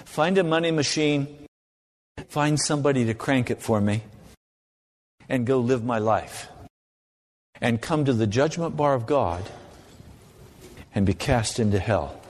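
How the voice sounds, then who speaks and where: Slow, grave judgment-day preacher, man, echoing hall. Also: mid-range voice, expressive. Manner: deliberate repetition and rhetorical questions. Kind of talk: sermon to a congregation. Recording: long hall reverb.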